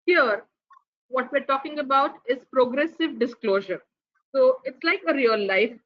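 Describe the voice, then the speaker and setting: A woman's voice: high voice, a little slow. Indian woman lecturing over muffled audio. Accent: Indian English. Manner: explanatory, poses rhetorical questions, some restarts. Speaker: pathology lecturer giving a keynote. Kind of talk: online lecture.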